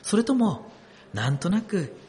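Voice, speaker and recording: Husky male preacher, high and very animated delivery, storytelling sermon. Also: unhurried, a little hiss or hum. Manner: expressive storytelling, asks the congregation questions. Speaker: pastor.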